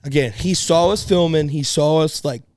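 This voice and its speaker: A man co-hosting a casual podcast, telling a story in a loose, profane, animated way. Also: a little high, normal speed, slight background noise. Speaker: podcast co-host.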